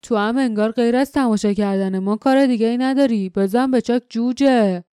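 A hulking, wild warrior who grumbles gruffly and boasts of his strength, voiced by a woman reading aloud, slow and heavy in delivery. The tone stays mellow and dark. It is recorded close and dry. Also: mid-range voice, fairly even intonation, no room sound, close to an everyday voice. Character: huge wild male warrior, growling and boastful.

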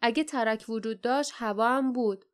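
A thoughtful teenage boy speaks softly and in a subdued way, in a fairly high voice. A woman reads him in an audiobook. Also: natural voice. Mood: quiet. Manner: soft and subdued.

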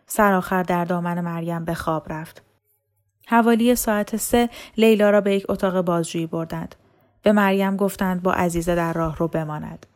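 A woman storyteller reading a novel aloud in a steady, measured way. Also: medium pitch. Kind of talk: scripted narration of a novel.

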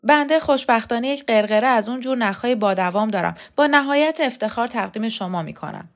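A woman's voice: fairly high pitch, pitched above the performer's own voice, close to an everyday voice. A woman reader voicing a nervous man tailor who speaks in a servile, overly polite way. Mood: fawning.

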